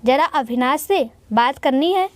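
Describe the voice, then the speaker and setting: A woman voicing a calm, polite young sister-in-law who soothes the family. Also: high-pitched, a little slow, no room sound.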